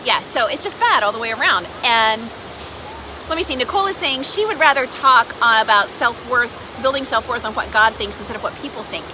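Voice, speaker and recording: Upbeat, chatty woman over steady hissy noise. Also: on the high side. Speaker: co-host promoting a giveaway. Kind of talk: casual livestream chat with viewers. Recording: noisy livestream with steady rushing hiss.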